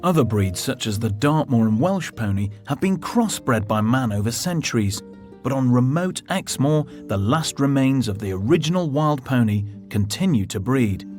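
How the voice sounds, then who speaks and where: A man's voice: medium pitch, animated, normal speed, a little mellow, faint music behind. A man giving scripted narration for a nature documentary.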